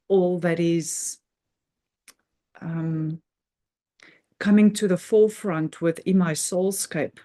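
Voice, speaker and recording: Measured pauses and short, halting phrases mark this woman's guided meditation, an unscripted spiritual talk given earnestly and reverently. Her voice is lowish and warm.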